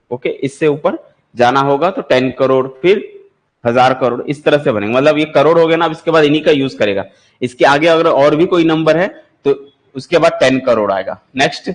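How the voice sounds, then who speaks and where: Male maths teacher quizzing his class. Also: mid-range voice. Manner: explains step by step, quizzing students with repeated questions. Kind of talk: classroom lecture for exam prep.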